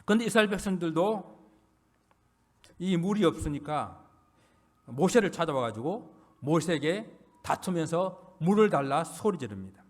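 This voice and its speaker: A man preaching a Sunday sermon as a pastor, earnest, building emphasis and then dropping low at the ends of phrases. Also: lively intonation, moderate pace, long pauses. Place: church sanctuary.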